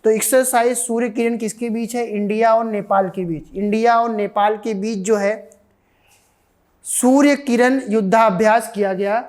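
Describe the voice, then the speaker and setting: A woman's voice: fairly high pitch, fairly even intonation, a little slow, darkish tone. A woman with an Indian accent giving an online exam coaching lecture, repeating key points and answering her own questions. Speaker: defence exam coaching teacher.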